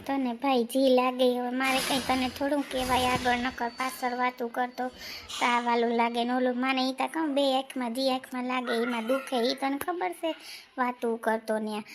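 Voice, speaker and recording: A woman's voice: high-pitched, little pitch movement, moderate pace, background noise, close to an everyday voice. A woman with a Kathiawadi Gujarati accent playing a quarrelsome older village mother in a family comedy skit, scolding and complaining and repeating herself.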